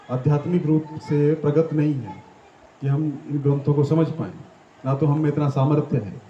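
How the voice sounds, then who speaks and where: Slightly high and heard through dull audio with a bit of background noise, a man delivers a devotional talk in a small temple hall. He's a devotional teacher who explains things stepwise, asks the audience questions, and tends to finish sentences with "है ना".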